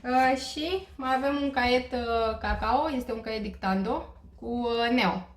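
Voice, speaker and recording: A woman teaching a language lesson, explaining slowly with many filler pauses and checking in with listeners. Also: on the high side. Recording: echoey room.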